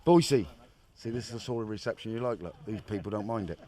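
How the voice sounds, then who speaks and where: A man's voice: on the low side, fast, mellow. A man, a rag and bone trader chatting casually in plain, colloquial speech outdoors. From southern England. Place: outdoors on a horse-drawn cart in the street. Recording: noisy outdoor street recording.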